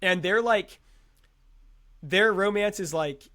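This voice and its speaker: A man with a notably high voice co-hosting a casual film review podcast. He talks in a sarcastic, joking way and often drops into quiet mumbled asides. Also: slow. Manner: sarcastic, dry jokes, trails off into low mumbles. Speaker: podcast co-host.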